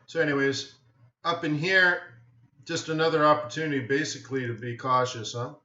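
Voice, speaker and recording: A man hosts a live trading webinar, offering casual, offhand commentary as he thinks aloud and keeps checking in with "right?". His voice is a little high and a little fast, with a steady, bright, forceful tone. The webinar audio sounds dull, roomy and echoey.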